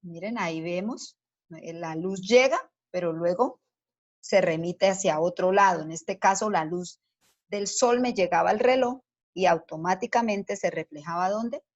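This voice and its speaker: A woman's voice: lowish voice, unhurried. A woman teacher giving a science lesson to children, explaining patiently step by step and asking the class questions as she goes. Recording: dull lo-fi sound.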